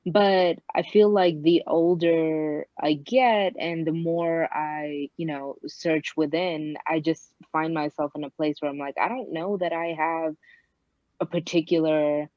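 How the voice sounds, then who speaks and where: A woman's voice: sits low, steady tone, measured pace, dry recording, highs cut off. A young woman from Bangladesh who grew up in New York City, a guest talking thoughtfully, with frequent hesitations. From Bangladesh, raised in New York City. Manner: reflective, hesitant with many fillers. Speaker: guest, actress. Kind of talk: podcast interview.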